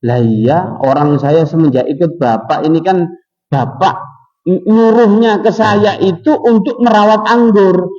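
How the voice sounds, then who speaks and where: A man's voice: high voice, measured pace, dark tone, far from the mic, lo-fi sound. A man voicing a humble, honest vineyard worker who explains himself plainly to his boss. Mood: earnest.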